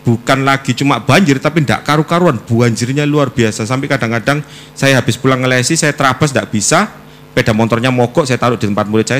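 A man preaching a sermon with personal testimony, swinging between loud exhortation and soft, prayerful asides. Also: mid-range voice, a little hiss or hum.

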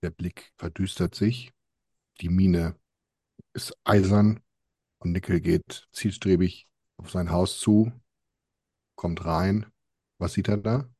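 A man playing a tabletop role-play, describing his character in a dry, deadpan way. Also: deep voice, slow pace, long pauses, slightly rough, no echo. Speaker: player.

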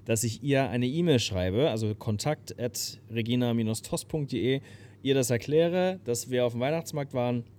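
A young man telling a long story in casual chat, breaking into loud shouted impressions. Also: medium pitch, normal speed, slight background noise.

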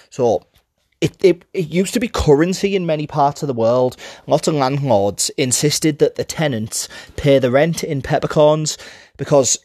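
A man's voice: medium pitch, a little mellow, dry recording, studio quality. A man with a Middlesbrough Teesside accent, presenting an informal explainer for a spice brand. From Middlesbrough, England.

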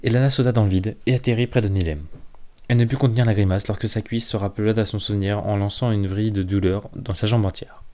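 A man narrating a fantasy novel in a calm, measured reading, with occasional small slips. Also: on the low side. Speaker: audiobook narrator.

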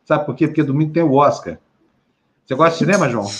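A man's voice: on the high side, quick pace. A man with a Brazilian Portuguese accent hosting a live stream in a chatty, teasing way. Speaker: host. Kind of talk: casual live-stream chat. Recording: dull lo-fi stream audio.

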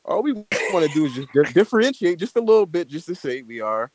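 A man's voice: a little high, big pitch swings, fast talker, darkish tone, no echo. An American man in a heated casual debate, blunt and profane, pressing his point emphatically. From United States. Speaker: participant in an audio chat room.

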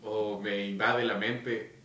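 A man's voice: on the low side, little pitch movement, slow pace, pushed and bright. A young man from Ecuador, a podcast co-host chatting casually among friends in a bar, telling laughing stories and mimicking voices. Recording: echoey room, mic at a distance.

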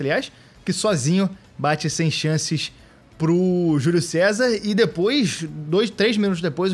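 A Brazilian man hosting a casual podcast, recapping an old football match with joking, sarcastic asides. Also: on the high side. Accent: Brazilian Portuguese.

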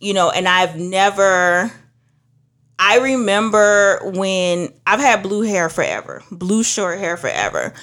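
In a slow, medium-pitched voice, a young Trinidadian woman shares stories during a relaxed conversation. She's a minister and beauty professional, and she brings her tales to life by acting out others' voices.

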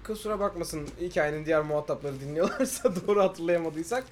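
Genç bir adam, araya girerek şakalar yaparak ve sık sık gülerek arkadaşıyla sohbet ediyor. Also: male voice, fairly high pitch, expressive, fast, a little hiss or hum. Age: young adult. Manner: chimes in, jokes, laughs a lot. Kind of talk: casual chat.

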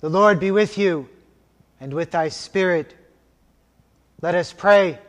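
Man, officiant, solemn intoning, unhurried, cathedral echo, long church reverb. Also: sits high. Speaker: liturgical officiant. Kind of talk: slow intoned liturgy and scripture reading.

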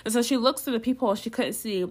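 A woman's voice: on the high side, quick pace, breathy edge. A young woman telling a story in casual chat, full of "like" fillers, who acts out the voices of others as she talks. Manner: chatty, lots of "like" fillers; animated, acts out what others said.

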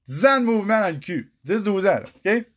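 A man's voice: high-pitched, sing-song, a little fast. A middle-aged man with a Quebec French accent, telling his own story in a raw, emotional monologue, cursing often and speaking straight to the viewers.

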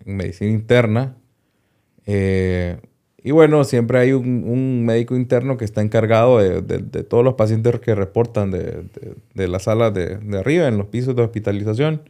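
A man's voice: lowish voice, mellow. A man, a doctor, telling a personal story in an interview, hesitating and often repeating small words as he goes.

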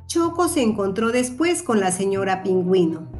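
A woman narrating a children's story to young listeners, speaking gently and clearly. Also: medium pitch, big pitch swings, normal speed. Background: soft music.

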